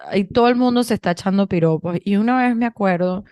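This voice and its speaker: A woman in her thirties from Venezuela with a Venezuelan Spanish accent, co-hosting a podcast and telling stories in a chatty, animated way with many restarts. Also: mid-range voice, fast, no echo. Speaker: podcast co-host. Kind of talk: casual conversation.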